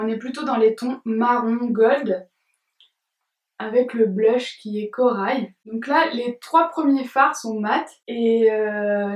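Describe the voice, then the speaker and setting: Young female beauty vlogger, unhurried and gentle, somewhat high voice, distant roomy sound. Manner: slow, gentle, describing each shade with small laughs. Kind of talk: makeup review and swatches.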